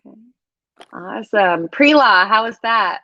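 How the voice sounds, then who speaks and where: A woman's voice: mid-range voice, expressive, measured pace, dry recording, muffled recording. A young woman hosting a live stream over a video call, upbeat and chatty with lots of fillers. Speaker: host of a student live stream.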